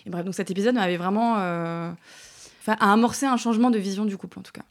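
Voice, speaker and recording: A woman's voice: medium pitch, fast. A woman in her thirties chatting as a podcast guest, with many fillers and words that trail off to near-whispers. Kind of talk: casual interview chat.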